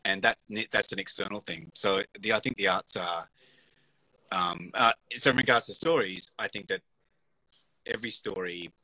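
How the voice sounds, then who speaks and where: A man with a fairly low but bright, forceful voice that has a husky edge. He speaks as a guest in a casual conversation, thinking aloud, hesitating and restarting his sentences. The sound is dry and close. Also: normal speed, no room sound, rough recording. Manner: thoughtful, hesitant, many restarts and fillers. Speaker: guest, comedy producer. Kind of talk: casual conversation on a live show.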